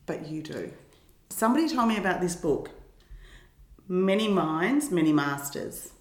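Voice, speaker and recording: Low-voiced teasing woman co-host. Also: lively intonation, unhurried, roomy sound. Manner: teasing, playful banter. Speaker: podcast co-host. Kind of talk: casual chat.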